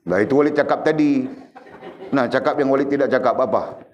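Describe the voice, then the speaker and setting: A man's voice: mid-range voice, fairly quick. A middle-aged man gives a religious lesson, teasing his listeners and asking them again and again whether they understand. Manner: lively, teasing, keeps quizzing listeners. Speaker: religious teacher. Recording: dull lo-fi room recording with faint background hiss.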